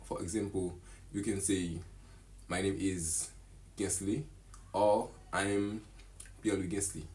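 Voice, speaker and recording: Speaking with a deep, darkish voice and fairly level intonation, a young adult English teacher and channel host gives a beginner lesson to camera. He works slowly and carefully from a small room, and the recording is rough.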